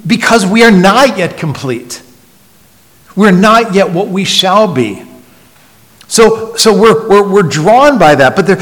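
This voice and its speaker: A man preaching a sermon as pastor, earnest and emphatic, swinging from loud stresses to hushed near-whispers and often repeating words as he restarts. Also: fairly high pitch. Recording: long hall reverb.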